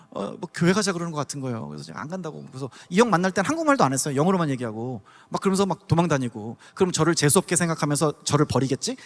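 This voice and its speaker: Man, from Daegu, testimony sermon, animated storyteller, swooping expressive pitch. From Daegu, South Korea. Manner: animated storytelling, acts out scenes. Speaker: guest preacher. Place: church service hall. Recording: long church hall reverb.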